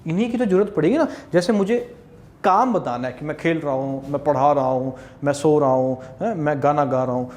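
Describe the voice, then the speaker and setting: Standing at a classroom whiteboard, a chatty Indian man with a Haryanvi Hindi accent runs an exam-prep English grammar lesson, calling his students "bachche" and repeating "theek hai" often. His voice has a fairly high pitch and a darkish tone, and he speaks a little fast.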